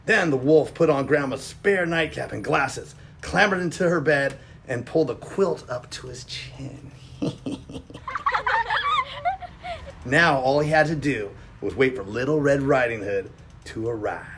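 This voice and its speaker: A man reading a children's storybook aloud in an expressive way. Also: mid-range voice, moderate pace, noisy background. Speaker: storybook reader.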